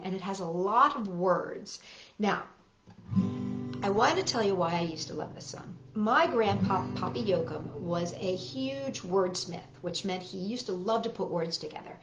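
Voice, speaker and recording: With music playing in the background, a middle-aged woman at a medium pitch reads picture books and chats with little kids as a storytime host in her living room. Her delivery is deliberate and expressive, leaning on emphatic repetition. Sound quality is lo-fi and dull, boxy and roomy.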